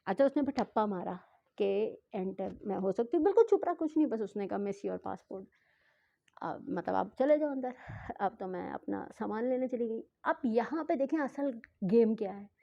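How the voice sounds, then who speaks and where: A woman telling a travel story in a casual vlog, chatty and often correcting herself, mixing in English phrases and speaking slowly on purpose. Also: fairly high pitch, animated, gravelly, muffled recording. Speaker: travel vlogger.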